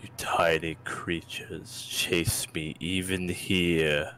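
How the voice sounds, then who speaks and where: Man voicing a deep, rumbling, scornful dragon. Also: level tone, sharp tone, slight background noise, full character voice. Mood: weary, aggrieved. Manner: slow, grand, disdainful. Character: huge weary scornful dragon in a tabletop game.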